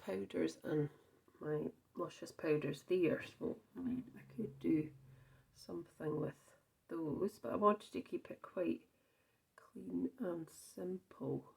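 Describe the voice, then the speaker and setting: Her voice is fairly low, gravelly, darkish and slightly rough, and she speaks slowly. This Scottish woman chats her way through a casual card-making demo, thinking aloud, often saying um and correcting herself a little.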